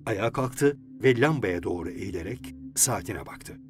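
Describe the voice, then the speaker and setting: A man reading a story aloud in an expressive way, his voice moving up and down a lot. Music plays under the narration throughout. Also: lowish voice, moderate pace. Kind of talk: audiobook narration. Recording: music playing behind.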